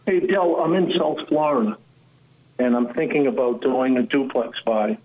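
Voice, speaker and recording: A man's voice: medium pitch, normal speed. A man calling in to a radio show on a speakerphone, asking eager questions. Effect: speakerphone over a phone line. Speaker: caller. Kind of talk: call-in question. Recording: tinny phone line.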